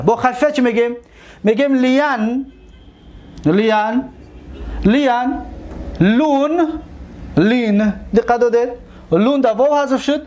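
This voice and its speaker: A man with a Tajik accent teaching a classroom grammar lesson, reciting word forms in drills and asking and answering his own questions. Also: high-pitched.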